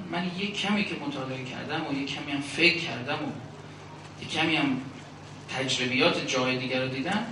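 A man, a seminary cleric, preaches a sermon at a religious gathering. He builds long rhetorical lists with pauses and recites verse and Arabic phrases. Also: medium pitch, background noise. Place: religious gathering in a large echoing hall. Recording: very echoey hall recording from a distance.

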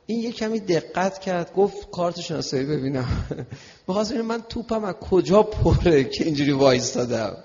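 A man preaching a sermon and telling a personal story in a lively way, at times acting out raised voices. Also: high-pitched, gravelly. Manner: lively storytelling, acts out shouting. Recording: dull sound with long hall reverb.

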